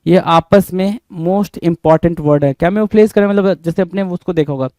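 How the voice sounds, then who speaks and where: Guy teaching vocab, highish voice, smooth and dry, spells stuff out letter by letter. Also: brisk, mellow, no room sound. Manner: spells words out letter by letter, asks and answers his own questions; addresses students as bhai and my child. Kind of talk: Hindi exam-prep vocabulary lesson.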